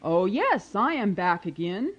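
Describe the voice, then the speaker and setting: A woman's voice: medium pitch, very animated, measured pace, breathy edge, highs cut off. A woman voicing a cheerful simple young man with an eager, exclaiming manner. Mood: polite.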